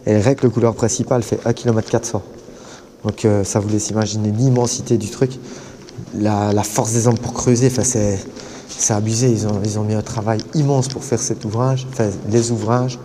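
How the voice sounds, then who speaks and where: Man, Belgian French accent, low dark voice, casual rambling vlog talk, slangy and hushed, long tunnel echo underground. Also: steady tone, normal speed, a little hiss or hum. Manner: rambling, many fillers and slang, often hushed. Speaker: urban explorer. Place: deep underground concrete tunnels.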